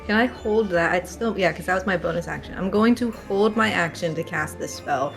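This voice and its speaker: Female tabletop player, lowish voice, hesitant and thinking aloud, faint music. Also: a little fast, creaky. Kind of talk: playing a tabletop game.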